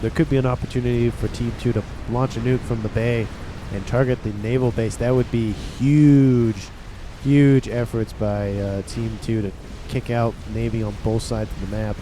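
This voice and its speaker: Stuffed up from a cold, a male game caster talks at normal speed in a mid-range, nasal voice while casually covering a strategy game. Background noise is present, and he stays relaxed and rambling as he addresses viewers.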